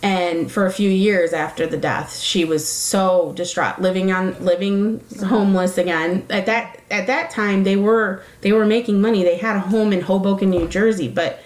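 A woman's voice: mid-range voice, fairly even intonation, normal speed, few pauses, reverberant, rough recording. A woman talking casually, rambling with many fillers and correcting herself as she goes. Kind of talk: casual chat.

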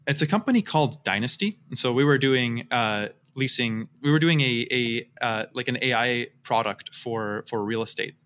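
A man's voice: mid-range voice, fairly bright tone, a little hiss or hum. Man rambling through a casual interview. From Austria, raised in the US. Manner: rambling, many restarts and fillers. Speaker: guest, startup founder.

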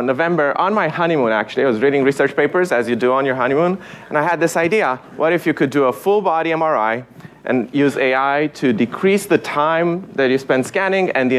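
A startup founder from Romania, giving a conversational pitch talk on stage with fillers and dry asides. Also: male voice, a little hiss or hum.

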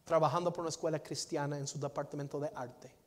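High-voiced preacher in a reverberant hall. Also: male voice, fairly even intonation, quick pace. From United States. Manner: dynamic preaching, swings from soft to loud, repeats phrases. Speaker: pastor. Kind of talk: sermon. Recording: long reverb of a large hall.

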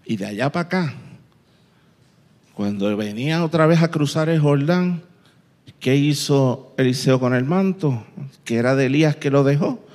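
A man preaching a sermon, telling a story with lively sound effects and quoted voices. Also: mid-range voice. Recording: long reverb in a large hall.

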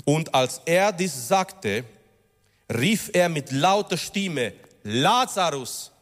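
Male pastor, emphatic sermon delivery, slightly high pitch, long hall reverb. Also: lively intonation. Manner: emphatic preaching that builds in pitch and loudness, with slow drawn-out stresses.

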